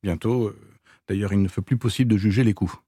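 A man's voice: lowish voice, slightly rough, dry recording, clean studio sound. Man reading a novel aloud expressively. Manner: measured, expressive storytelling. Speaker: reader.

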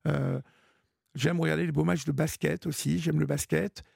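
Male call-in radio host, gravelly and a little high, hesitant and friendly, dry studio sound. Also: fairly even intonation, moderate pace, no room sound. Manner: warm advice, many hesitations and restarts. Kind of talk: late-night call-in radio chat.

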